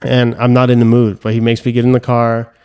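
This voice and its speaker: A young man from Hawaii hosting a podcast, telling animated stories and acting out voices and sounds. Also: mid-range voice, a little fast, clean tone. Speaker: podcast host. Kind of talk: casual storytelling chat.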